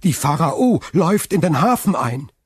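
A man voicing an excited young clerk who calls out in a high, loud voice. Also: normal speed, breathy edge, no room sound, clean studio sound. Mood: elated.

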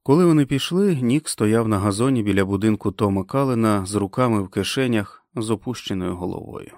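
A man reading an audiobook in a steady, even narration. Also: on the low side, brisk, no room sound, studio quality. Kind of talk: scripted narration.

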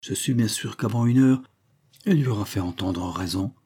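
A man doing a gruff old guardian. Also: fairly low pitch, moderate pace, mellow. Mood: rough. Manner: curt and rough. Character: gruff old male guardian, normally patient.

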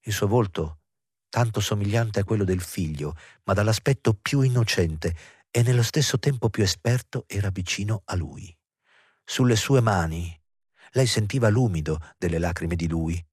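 A man narrates a literary novel in a measured, expressive reading. His voice is low and husky, and the recording is dry and close with no room around it. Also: no echo. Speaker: audiobook reader.

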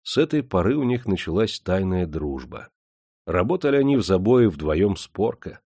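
A man narrating an audiobook in a steady, measured storytelling manner. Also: sits low, vocal fry, no room sound, studio quality. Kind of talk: scripted narration.

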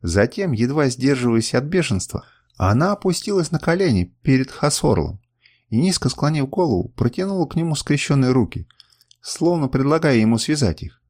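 A male audiobook narrator reading a novel with dramatic, expressive delivery. His pitch moves a great deal. The recording is dry, with no room sound. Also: moderate pace, dry recording. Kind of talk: scripted narration.

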